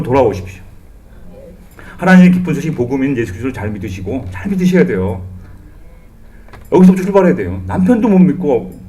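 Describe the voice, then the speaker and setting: A middle-aged man preaching a sermon in church as pastor, animated and humorous, acting out the voices he quotes. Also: medium pitch, a little hiss or hum. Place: church sanctuary.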